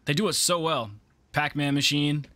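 A man's voice: a little high, steady tone, normal speed, sharp tone, no room sound. A young man hosting a reaction video in a gaming room on a headset, talking casually and exclaiming and swearing at jump scares.

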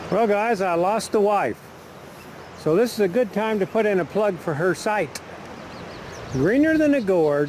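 Chatty joking guy filming his walk outside, bit high voice, noisy camera audio. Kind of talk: casual walking vlog narration. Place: outdoors by a river park.

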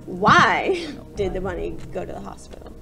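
A woman's voice: medium pitch, sing-song, moderate pace, gravelly. A young woman in casual, teasing banter, telling dad jokes in a small room. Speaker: soccer player in a joke challenge. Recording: loud music over the talk.

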